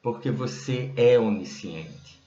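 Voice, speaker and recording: Speaking slowly in a dark, mid-range voice, a man guides the viewer through a meditation technique, chatting conversationally and using plenty of tag questions. The audio has a roomy, muffled lo-fi quality.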